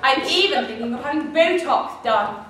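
Echoey, very high-pitched haughty Queen of Hearts. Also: lively intonation, normal speed, fairly bright tone. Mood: gloating, mischievous. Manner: theatrical, imperious, innuendo-laden, addressing the audience. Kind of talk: adult pantomime stage acting. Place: theatre stage, indoors. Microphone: camera in the audience. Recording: echoey noisy theatre, distant camera mic.

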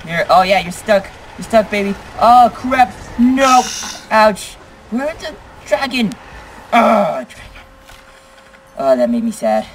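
A teenage boy giving excitable gameplay commentary as a gaming channel host, blurting exclamations and teasing. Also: sits high, measured pace, a little hiss or hum, low-quality recording. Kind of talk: live gameplay commentary with chat.

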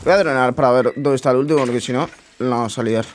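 A man's voice: mid-range voice, fast talker, slight background noise. A man giving casual, incredulous commentary over his own gameplay, muttering asides to himself. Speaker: gaming YouTuber.

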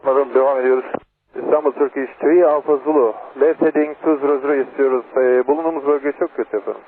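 A man speaking as an airline pilot over the aircraft radio, in brisk and formal cockpit phrasing with air traffic control. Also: mid-range voice, fairly even intonation. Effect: pilot heard over an aircraft radio. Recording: tinny radio transmission with faint noise.

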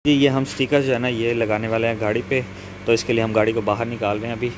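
A man's voice: mid-range voice, flat delivery, fast talker, noisy background. A young man with a Pakistani Punjabi accent, narrating a casual home vlog while working on a car and directing his family. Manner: chatty, directing family members. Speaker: vlogger. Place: outdoors at a house gate by a car.

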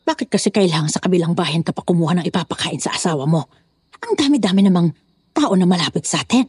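Voiced by a woman, this is a cold, scheming older woman from a spoken horror story, scolding and condescending toward everyone around her. Her voice sits on the lower side with a husky edge. It swoops up and down with lively, dramatic pitch. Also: fast, dry recording, clean studio sound. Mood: commanding.

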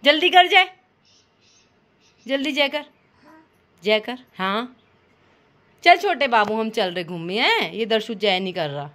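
A young mother speaks in playful baby talk to her toddler at home, teasing and coaxing him. Her voice sits high and swoops widely up and down, with an unhurried, drawn-out delivery. She laughs often between lines. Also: animated, a bit bright. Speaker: mother and family vlogger.

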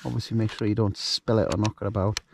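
A man's voice: lowish voice, level tone, quick pace, gravelly, noisy background. A man chatting casually and joking as he cooks and shows gear at a wild camp outdoors at night. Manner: chatty, joking, rambling asides. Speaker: outdoor vlogger. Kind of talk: casual outdoor cooking vlog.

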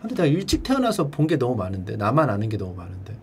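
A man streaming and chatting casually, drilling words by repetition in a playful way and breaking into shouted cheers. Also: wildly swooping pitch, racing, slight background noise. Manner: playful, drills words by repeating them in a high echo. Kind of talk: casual livestream chat.

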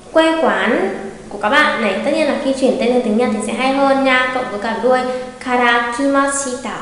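A woman teaching an online language lesson, patiently repeating example phrases slowly. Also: sits high, fairly bright tone, slight background noise. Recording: very echoey room with long reverb.

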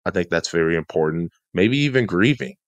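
A man's voice: sits low, expressive, brisk, dry recording. A man co-hosting a casual studio podcast, speaking in an emphatic, motivational way. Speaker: podcast co-host.

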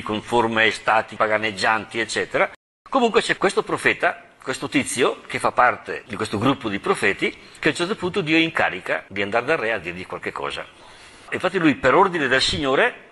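A man's voice: medium pitch, sharp tone, breathy edge. A middle-aged male parish priest giving an informal Bible lesson, chatty, with laughing asides and dramatic retellings of scripture.

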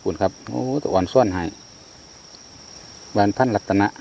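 Excitable Isan man fishing outdoors. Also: fairly low pitch, normal speed, gravelly. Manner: excitable, loud exclamations while fishing. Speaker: fishing vlogger. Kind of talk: casual outdoor commentary. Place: outdoors by natural water. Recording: outdoor insect noise. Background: crickets and insects.

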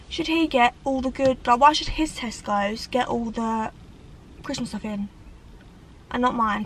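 A young woman chats animatedly to a dashboard camera in a parked car. Her voice sits high and bright as she gestures and lets out dramatic sighs. A faint hum of the car and the outside can be heard behind her. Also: rough recording. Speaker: vlogger. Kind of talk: casual chat to camera. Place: parked car on a rainy day.

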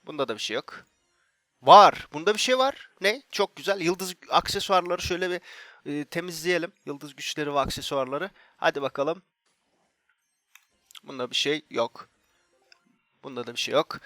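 A young man, commenting excitedly as he opens loot boxes in a mobile game, repeating himself and bursting into shouts when something good appears. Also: on the high side, normal speed, long pauses, no echo. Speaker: gaming YouTuber.

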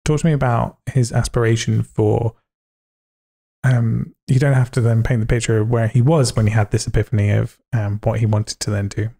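Mellow, gravelly man hosting a rambling chat. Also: medium pitch, level tone, moderate pace. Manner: rambling, joking, self-interrupting. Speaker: podcast host, interviewer. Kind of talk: casual conversational interview.

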